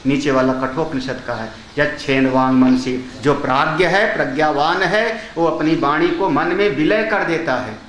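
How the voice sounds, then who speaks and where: Older swami, echoey discourse hall. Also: male voice, a little high, unhurried, few pauses, fairly bright tone, a little hiss or hum. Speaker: swami teaching scripture. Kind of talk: Hindi discourse on Vedanta.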